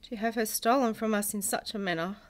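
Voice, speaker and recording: A middle-aged woman, a bereaved mother reading a prepared personal statement in a solemn, measured way, in grief. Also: mid-range voice. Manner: solemn, measured delivery in short phrases. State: grieving.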